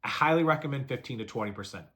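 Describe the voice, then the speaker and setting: Man, average pitch, quick, brisk, coaching, step-by-step tips. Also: lively intonation, sharp tone. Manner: brisk, coaching, lists steps and repeats them. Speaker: reseller giving selling tips. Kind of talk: fast casual how-to talk to camera.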